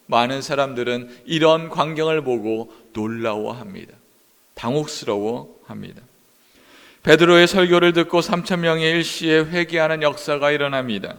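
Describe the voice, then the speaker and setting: A man preaching a sermon as a pastor, earnest and steady, with his voice dropping at the ends of sentences. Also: fairly high pitch, clean tone, big-room sound. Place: church sanctuary.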